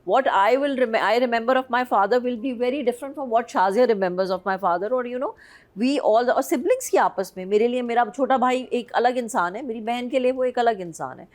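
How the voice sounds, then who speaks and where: A woman's voice: fairly high pitch, lively intonation, takes it slowly. A woman in her fifties, reviewing a drama on a panel in an emphatic, heartfelt way. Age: 50s. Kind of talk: casual chat reviewing a drama.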